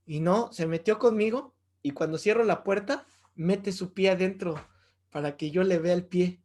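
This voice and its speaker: A man with a Mexican accent, a pastor teaching a Bible lesson with lively stories and rhetorical questions to the audience. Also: sits high, moderate pace. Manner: jokes and chuckles while telling stories.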